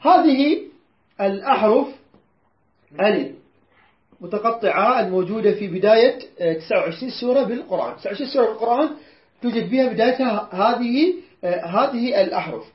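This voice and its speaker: A woman's voice: on the high side, animated, quick pace. Iraqi woman teaching Quran recitation, roomy. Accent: Iraqi Arabic. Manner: patient, repeats words and quizzes students. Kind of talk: teaching a class. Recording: roomy dull lo-fi recording.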